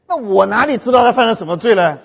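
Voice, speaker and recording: A man preaching a sermon through lively storytelling, often putting questions to his audience. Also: high voice, fast talker, vocal fry, slightly rough. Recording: echoey hall, dull lo-fi sound.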